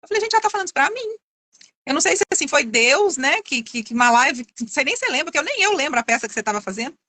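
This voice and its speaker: A middle-aged woman tells a long story in a high, bright voice and talks quickly. She is chatty and keeps restarting her phrases. The sound is dry and close, as on a video call. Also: very animated. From Minas Gerais, Brazil. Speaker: course student giving a testimonial. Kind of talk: casual testimonial on a live video call.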